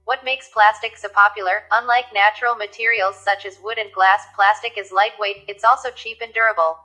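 Female text-to-speech robot voice, crisp and bright, reads screen text aloud in an even, machine-like tone. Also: medium pitch, brisk, faint music behind, poor audio. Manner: even, mechanical read-aloud delivery. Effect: synthetic text-to-speech voice. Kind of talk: computer reading text aloud.

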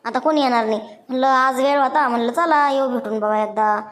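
A woman's voice: sits high, a little fast, a bit bright. A woman voicing a chatty, meddling middle-aged village woman visiting neighbours in a cartoon. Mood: gossipy complaint. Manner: nagging, chatty, defensive. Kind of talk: cartoon voice acting.

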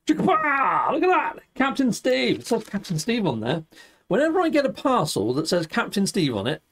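A middle-aged man hosts a gaming YouTube channel, chatting casually on stream with exuberant energy and lots of playful catchphrases. His voice sits high, and there's slight background noise. He's seated at an indoor home streaming setup.

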